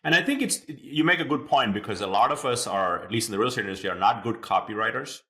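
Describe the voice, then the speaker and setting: Talking fast, this interview podcast host goes on at length in an eager, chatty way full of fillers. His lowish voice sounds pushed and bright.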